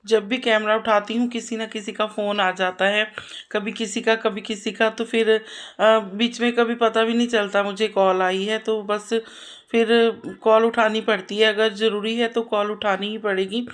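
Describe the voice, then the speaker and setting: A mother in her thirties who vlogs narrates her household chores in a homely, chatty voice-over, repeating herself often. Her voice is mid-range, her delivery flat, and her pace normal.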